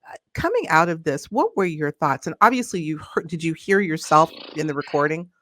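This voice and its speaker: A woman hosting a conversational interview, asking questions in a probing, deliberate, encouraging manner. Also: low voice, sing-song, a bit bright. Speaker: interviewer, host.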